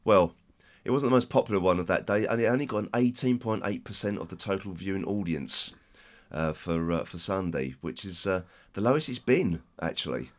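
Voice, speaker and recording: Croaky, deep-voiced British man hosting a podcast. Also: lively intonation. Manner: halting, rambling delivery. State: chest infection, hoarse with a cold. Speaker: podcast host. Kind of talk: casual podcast chat.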